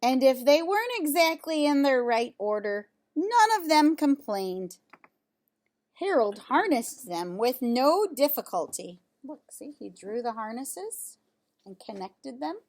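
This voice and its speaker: A storyteller reads a children's picture book aloud in a fairly high, slightly mellow voice, going very slowly. She's very animated, her pitch rising and falling a great deal. She stops to comment casually on the pictures and ask her young listeners questions.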